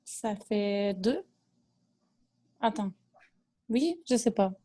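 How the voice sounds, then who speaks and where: A woman's voice: mid-range voice, expressive, drawn-out words, dark tone. A woman student answering hesitantly in class, unsure and asking for help.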